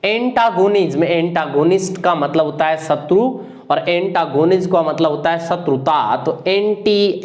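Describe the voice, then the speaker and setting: A man from India with a high voice teaches an exam-prep vocabulary lesson. He repeats each word and its meaning over and over, drilling it like a classroom tutor. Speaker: English teacher.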